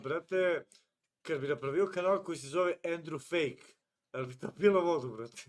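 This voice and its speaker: A man's voice: fairly high pitch, a little fast. A man with a Serbian accent bantering on a live stream, joking in broken English. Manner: joking, broken English, says "brate" constantly. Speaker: livestreamer. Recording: music playing in the background.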